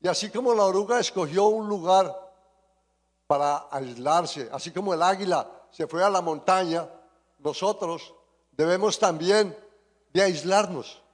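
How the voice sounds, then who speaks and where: A man's voice: sits high, unhurried. A man preaching a sermon and praying fervently, often repeating his appeals to the Lord. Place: church sanctuary. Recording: long church reverb.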